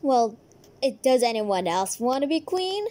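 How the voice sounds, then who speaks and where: A woman voicing a power-hungry female royal advisor in a toy doll play, giving commands in slow, drawn-out declarations. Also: a little high, sing-song, dark tone. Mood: scheming.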